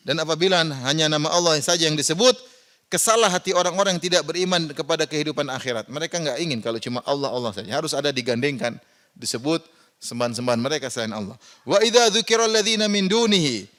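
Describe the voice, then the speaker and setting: An Islamic preacher, a man with a slightly high voice, delivers a Quran exegesis lecture in a mosque. He poses rhetorical questions to the audience and swings between loud, emphatic rises and quiet asides.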